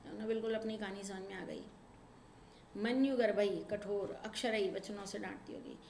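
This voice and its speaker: A woman teaching a Sanskrit lesson, reading verses slowly and explaining them line by line in Hindi. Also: medium pitch, steady tone, creaky, darkish tone. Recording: echoey room with faint ambient noise.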